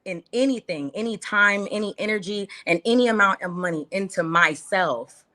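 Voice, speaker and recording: Her voice is medium in pitch, bright and forceful, at a moderate pace. Around thirty, she's a guest in an interview, telling her own story casually and with emphasis, repeating phrases and throwing out rhetorical questions.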